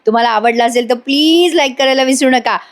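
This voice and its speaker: Woman, high voice, chatty voice-over recapping a serial to viewers. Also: fast. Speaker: serial reviewer.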